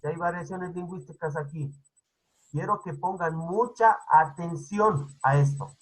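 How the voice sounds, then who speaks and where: A man's voice: fairly high pitch, unhurried, low-quality recording. A male teacher giving an online class over a video call. He keeps checking understanding with "¿sí?" and repeats his points. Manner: repetitive, instructive.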